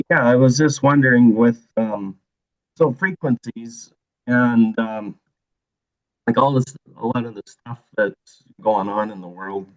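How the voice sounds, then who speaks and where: A man calling in with a hesitant question, full of ums and likes, his voice coming through a call signal that keeps breaking up. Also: lowish voice. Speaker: caller. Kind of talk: casual question to a guest. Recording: muffled lo-fi call line.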